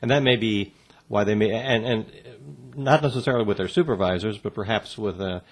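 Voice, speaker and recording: A man answering interview questions about workplace communication in a measured, halting way with many fillers and restarts. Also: lowish voice.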